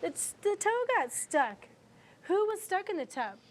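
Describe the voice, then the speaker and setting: Her pitch is extremely high and very animated, yet she never hurries; a faint hiss or hum sits underneath. She's an afterschool teacher in her twenties, discussing her teaching approach and leading kids in a read-aloud with expressive encouragement.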